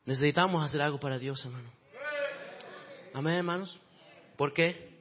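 A man preaching a fervent sermon, exhorting his congregation and swinging between loud and hushed delivery. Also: a little high, moderate pace. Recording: dull sound with long hall reverb.

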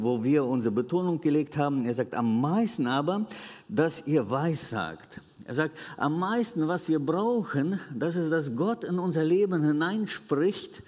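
A man delivers a sermon in an earnest tone, his voice sitting somewhat high. He stresses points by repetition and stumbles into small fillers. The long reverb of a church hall hangs on his words. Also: darkish tone. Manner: earnest, repetitive emphasis with frequent hesitations. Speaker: preacher.

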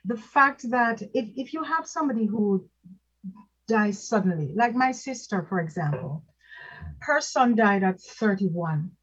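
A woman with a Jamaican accent and a husky, mid-pitched voice co-hosts a casual podcast. She often chimes in with short responses. The recording sounds muffled and lo-fi. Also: lively intonation. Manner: adds quick backchannel responses and interjections. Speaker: podcast co-host.

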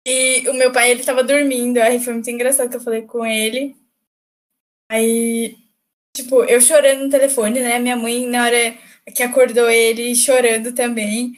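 A young woman, a new lawyer, telling a story in animated casual chat and laughing often. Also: a little high, normal speed. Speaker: newly qualified lawyer, podcast guest.

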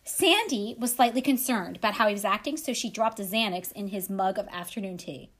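A woman's voice: mid-range voice, a little fast. A woman podcast host retelling a true crime story with wry side comments. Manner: dramatic retelling with wry asides.

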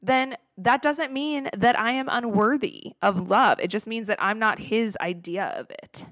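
Her voice sits on the high side, unhurried and slightly bright, captured in studio quality without echo. She's a young podcast host speaking candidly on her own about her fears, chatty and confessional, casual enough to swear.

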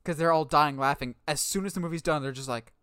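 A man's voice: on the high side, fast, clear, resonant tone, no room sound, clean studio sound. A young man animatedly telling stories in a casual podcast chat. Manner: animated, excitable storyteller. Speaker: podcast co-host.

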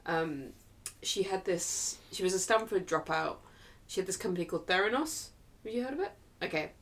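A woman's voice: lowish voice, animated, moderate pace, fairly bright tone. A woman co-hosting a podcast in casual chat, rambling with lots of fillers. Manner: chatty, lots of fillers and likes. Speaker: podcast co-host.

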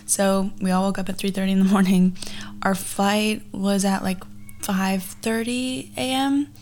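A woman's voice: medium pitch, fairly even intonation, unhurried, darkish tone, slight background noise. A woman of twenty-one hosting a casual podcast from a garage, telling personal stories in a chatty, rambling way that often backtracks. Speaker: podcast host. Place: recorded in a garage.

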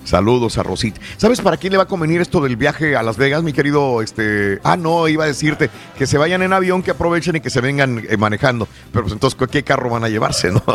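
Lively chatty radio host man. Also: medium pitch, fast, hardly any pauses, faint music behind. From northern Tamaulipas and South Texas. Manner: lively, chatty, reads listener messages aloud. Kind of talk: casual radio chat.

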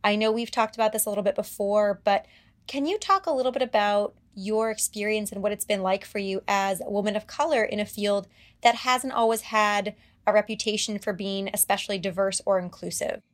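A woman hosting a podcast, asking her guest measured, slightly hesitant questions. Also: mid-range voice, steady tone. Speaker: podcast host. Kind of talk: interview questions.

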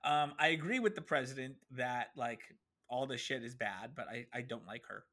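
A man's voice: medium pitch, moderate pace, pushed and bright. A man co-hosting a casual podcast, talking animatedly and swearing freely while he acts out characters' lines. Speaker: podcast co-host. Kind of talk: casual chat.

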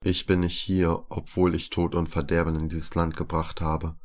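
A man's voice: deep voice, flat delivery, normal speed, close to an everyday voice. A man voicing a guarded young female warrior who speaks formally and curtly.

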